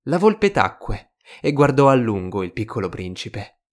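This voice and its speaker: A man narrating an audiobook, his pitch in the ordinary middle range for a man. His reading is slow and measured, with each phrase carefully placed. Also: sing-song. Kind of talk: scripted narration.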